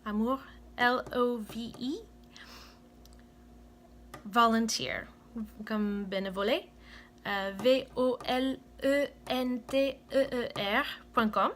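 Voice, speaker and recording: A woman with a Cameroonian-American accent speaks slowly in a fairly high voice, stopping often to hunt for words. She addresses her viewers in a friendly, self-deprecating tone. A faint hum sits behind her. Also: steady tone, fairly bright tone. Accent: Cameroonian-American French. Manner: hesitant, searching for words, many fillers. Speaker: vlogger. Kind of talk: casual chat to viewers. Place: home.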